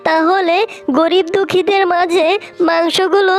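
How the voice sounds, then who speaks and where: A woman's voice: very high-pitched, little pitch movement, unhurried, faint music behind. A woman voicing a caring female fox mother and wife in a cartoon, tender and tearful in manner. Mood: grieving. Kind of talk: cartoon voice acting.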